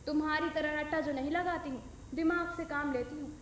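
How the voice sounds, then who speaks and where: A woman voicing a cheeky, quick-witted young girl who teases her brother, in an echoey room. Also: sits high, fairly even intonation, far from the mic, a little hiss or hum, lightly acted. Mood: teasing. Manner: playful bickering, then stammering in fright.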